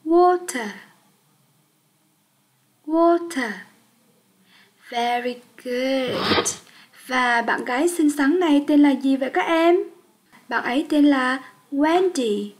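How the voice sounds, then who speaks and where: A woman's voice: high voice, a little slow. A woman teaching an English lesson for young children, speaking patiently and leading repetition drills.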